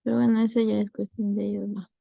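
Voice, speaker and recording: A woman's voice: medium pitch, level tone, fast talker, creaky, warm tone, no echo. A young woman, tutoring a class and patiently explaining step by step with examples.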